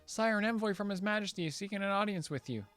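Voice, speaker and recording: Earnest young soldier from a video game, high-pitched and respectful, as a streamer puts him on. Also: male voice, fast talker, a bit bright, soft background music. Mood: reporting. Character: dutiful young male soldier. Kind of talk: reading game dialogue aloud.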